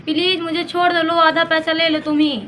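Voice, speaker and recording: A man's voice: very high voice, flat delivery, a little fast, background noise, voice pushed up. A woman voicing a sleepy, grumbling village dad. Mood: panicked. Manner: pleading, tired grumbling. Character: poor village father, sleepy and easygoing.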